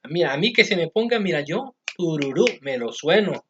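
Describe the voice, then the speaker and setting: A brash, boastful apostle, as a preacher puts him on, loudly swearing loyalty in a swaggering, overeager way. The voice sits a touch high. The audio is a bit dull and lo-fi. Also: male voice, lively intonation, normal speed, slight background noise, natural voice.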